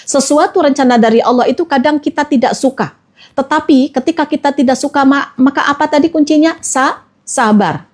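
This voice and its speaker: A woman with a light lilt gives an Islamic motivational talk in a fairly high voice. She talks to her listeners as friends and coaxes them along, repeating key words over and over. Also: a little fast. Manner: repetitive, coaxing, addresses listeners as friends. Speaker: motivational trainer.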